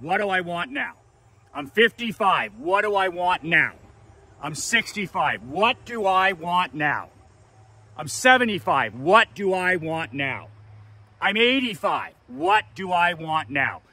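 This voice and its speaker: A business coach in his fifties delivers a blunt, profane motivational monologue, driving his points home with repeated lists. His voice is fairly high, pushed and bright. The recording is dry.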